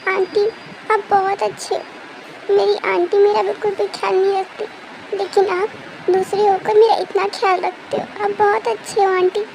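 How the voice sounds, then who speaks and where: A woman's voice: very high voice, level tone, moderate pace, vocal fry, background noise. A woman doing a sobbing, stammering young woman. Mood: tearful. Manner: stammering through tears.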